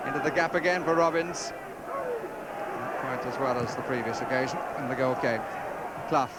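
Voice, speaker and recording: A man's voice: medium pitch, steady tone, moderate pace. A man giving live football match commentary in clipped play-by-play, calling out players' names, heard off a worn VHS tape copy. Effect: worn VHS tape copy with hiss. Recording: hissy worn videotape with loud crowd.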